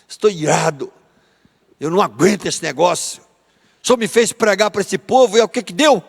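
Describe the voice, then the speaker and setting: A man's voice: high voice, animated, unhurried, pitched above the performer's own voice, heavily acted. A man with a Brazilian Portuguese accent voicing a furious, resentful male prophet who rants petulantly, with long hall reverb. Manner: ranting, agitated, petulant.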